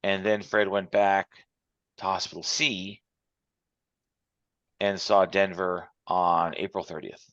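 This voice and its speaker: A man's voice: sits low, little pitch movement, slow pace, long pauses, a bit bright, dry recording. A man teaching an online class over a conference call, walking through examples step by step. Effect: heard over a conference call. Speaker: instructor. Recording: muffled, dry call audio.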